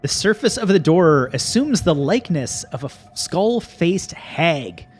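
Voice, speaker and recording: A man's voice: fairly high pitch, sing-song, measured pace, slightly rough. A man narrating a tabletop fantasy game as game master, describing scenes and asking players what they do. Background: music.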